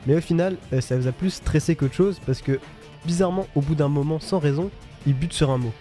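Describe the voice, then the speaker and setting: A man's voice: fairly high pitch, music in the background. A man hosting his own video, explaining his editing to viewers in casual, direct commentary. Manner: fast, direct, addresses viewers as "les gars". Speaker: YouTube host.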